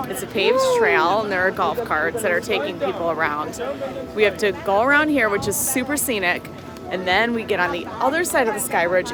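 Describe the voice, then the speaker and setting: A woman films a casual travel vlog out in the open. She talks in a chatty, exclaiming way, narrating the outing as it goes, at a middling pitch. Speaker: travel vlogger. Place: outdoors at a mountain resort.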